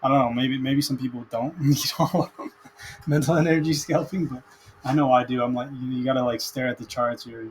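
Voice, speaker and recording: A man's voice: mid-range voice, fairly even intonation, brisk, slight background noise, rough recording. A young man casually talking through his day-trading session, tired and hesitant, with many fillers and restarts, recorded on a webcam. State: mentally tired. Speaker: aspiring day trader vlogger. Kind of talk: casual screen-share commentary.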